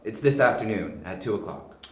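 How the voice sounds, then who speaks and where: In a roomy amateur home recording, a man voices a dry, helpful reporter in an audio drama, the detective's sharp-memoried male relative, with an easygoing manner. His voice sits on the low side with lively intonation, moderate pace, and a near-everyday sound.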